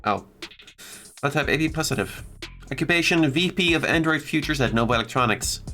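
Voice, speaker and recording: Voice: mid-range voice, lively intonation, brisk, sharp tone. A streamer giving casual, wry playthrough commentary and reading game text aloud, with irreverent asides. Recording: music playing behind the voice.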